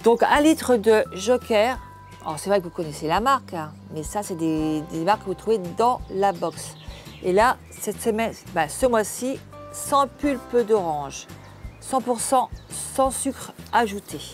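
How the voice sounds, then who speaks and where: An older woman talks through a food box in a relaxed, homely way, pausing and restarting as she goes. Her voice sits at an ordinary middle pitch. Soft music plays faintly underneath. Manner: chatty, homely, halting with restarts. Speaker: cooking channel host. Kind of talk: casual unboxing chat to camera.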